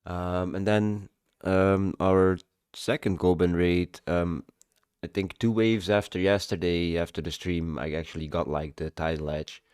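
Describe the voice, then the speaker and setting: A man streaming a casual update on his game progress, halting with many ums, and he has the hiccups. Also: low voice, level tone, a little mellow, smooth, no echo, clean studio sound.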